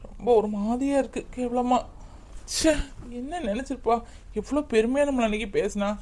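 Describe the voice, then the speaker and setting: A man's voice: extremely high pitch, normal speed, darkish tone. A man playing a remorseful young husband. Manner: pleading, self-pitying, coaxing. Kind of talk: family skit dialogue.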